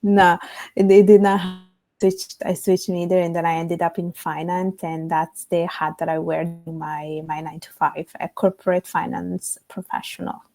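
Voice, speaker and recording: A young woman from Italy, speaking as a podcast guest, tells her story thoughtfully with many small pauses. Her voice is warm and mellow and sits lowish with little rise and fall. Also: level tone, gravelly. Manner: reflective, storytelling with fillers. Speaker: guest, author. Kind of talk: conversational interview.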